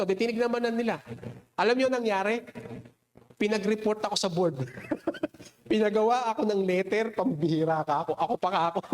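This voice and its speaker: A man's voice: extremely high pitch, slight background noise. A pastor preaching a sermon, telling a personal story with frequent laughter and a voice that rises when he acts out an argument. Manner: storytelling, laughs often, mixes English into Tagalog; raises voice when reenacting quarrels.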